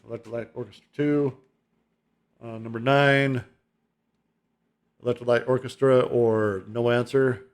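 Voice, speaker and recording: A middle-aged man hosting his own album-ranking video, talking in a loose, rambling way with fillers and chuckles. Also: medium pitch. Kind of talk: casual rambling monologue.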